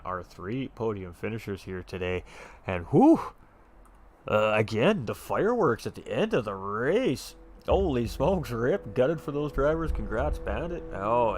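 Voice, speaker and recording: Low-voiced excitable race commentator, man. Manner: excitable, chatty, reads chat aloud. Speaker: sim racing commentator. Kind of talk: live-stream race commentary.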